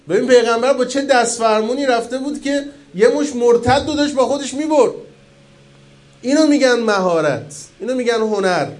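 A man preaching a religious sermon in colloquial speech, asking the audience questions and swinging between loud emphatic peaks and quiet low asides. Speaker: cleric preacher.

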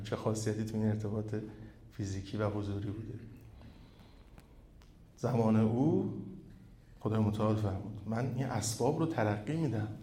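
A male preacher giving a sermon through a microphone, building to loud, fervent peaks and then dropping to a quiet storytelling tone. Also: on the low side, a little hiss or hum. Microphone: microphone with echo effect. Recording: echoey hall sound.

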